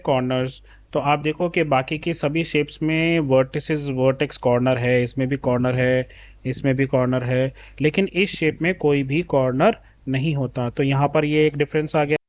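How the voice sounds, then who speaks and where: Patient man teaching maths. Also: on the high side. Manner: patient, addresses children as beta; reads English questions slowly, then explains in Hindi. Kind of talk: explaining a class 3 maths textbook.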